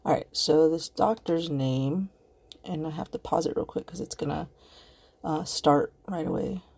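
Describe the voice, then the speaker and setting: A woman's voice: deep voice, unhurried, vocal fry, darkish tone, slightly rough. A woman hosting her own podcast, talking alone in a rambling, heated way, swearing often and getting worked up. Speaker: podcast host. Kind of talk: casual emotional monologue.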